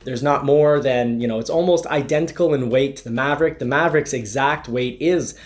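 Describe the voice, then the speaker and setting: Sitting inside a car and partly driving, a man with a congested, stuffy nose gives a casual, explanatory car review. His voice is mid-range and fairly quick, and he often restarts sentences with "you know."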